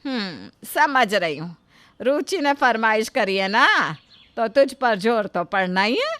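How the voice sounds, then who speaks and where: A woman putting on a gentle old mother-in-law. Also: fairly high pitch, sing-song, slow, no echo, heavily acted. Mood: affectionate.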